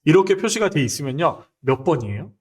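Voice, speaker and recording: A man teaching a spreadsheet exam lecture, talking straight to his viewers and keeping them involved with constant quick questions. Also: on the high side, breathy edge. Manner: lively, rhetorical questions to viewers.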